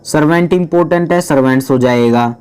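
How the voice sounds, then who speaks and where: A man's voice: on the high side, a little mellow, clear, resonant tone. Male teacher explaining grammar patiently. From India. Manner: explains patiently, often checks in with listeners; mixes in English terms, reads English lines slowly. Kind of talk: grammar lesson.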